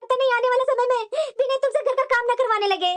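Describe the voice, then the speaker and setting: Spiteful, scheming cartoon daughter, high and rapid, played by a woman. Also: steady tone. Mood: bitter. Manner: whiny and spiteful. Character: jealous, scheming childless young married daughter. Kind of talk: cartoon voice acting.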